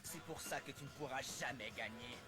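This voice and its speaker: A man's voice: mid-range voice, brisk, natural voice. A man voicing an arrogant, cold rival battler in a French anime dub, with a haughty, declamatory delivery. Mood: smug boasting. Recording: loud music behind the voice.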